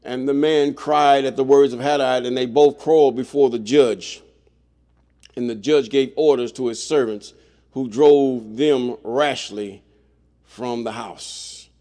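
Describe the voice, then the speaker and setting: A man's voice: medium pitch, steady tone, mellow. A middle-aged man reading scripture aloud and breaking in with his own blunt comments. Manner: reads slowly, breaks in with blunt asides.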